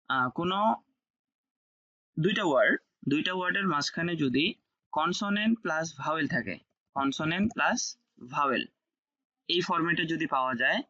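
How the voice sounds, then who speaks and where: A man with a very bright, fairly high voice teaches an online class. He explains step by step, repeating key words and checking understanding. The sound is dull and lo-fi. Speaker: French teacher.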